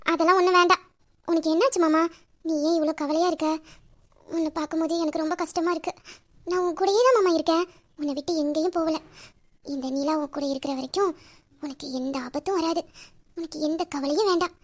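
A woman voicing a very high, sweet young wife. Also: steady tone, brisk, pauses often. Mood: soothing. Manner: sweet, sulky, soothing. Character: young devoted wife, affectionate and pouting. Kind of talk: audio drama acting.

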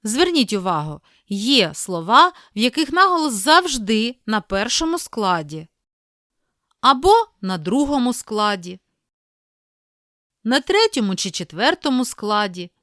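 A woman teacher reading a scripted lesson, clear and deliberate, slowing down to spell out example words. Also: a little high, very animated, bright, forceful tone, no echo, clean studio sound.

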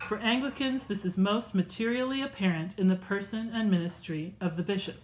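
A woman's voice: medium pitch, slight background noise, poor audio. Woman reading a church lesson. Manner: measured, earnest delivery with occasional fillers. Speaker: church class teacher. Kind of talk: reading prepared lesson notes. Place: home room with bookshelves.

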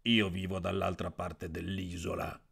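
A man voicing a big, weary old toad who scolds in a low, measured way. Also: little pitch movement, vocal fry, a bit bright, slightly rough, full character voice. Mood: scolding.

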